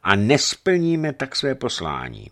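A man reading a story and voicing a serious, thoughtful leader who speaks slowly and earnestly to his companions. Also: mid-range voice, huge pitch swings, pushed and bright, voice pushed up. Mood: earnest, cautious. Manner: slow, deliberate, earnest. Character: grave, thoughtful Russian male leader, middle-aged.

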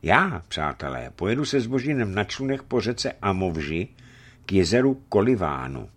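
A man reading a story and voicing a serious, thoughtful leader who speaks slowly and earnestly to his companions. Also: lowish voice, very animated, pitched above the performer's own voice. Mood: earnest, cautious. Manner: slow, deliberate, earnest. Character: grave, thoughtful Russian male leader, middle-aged.

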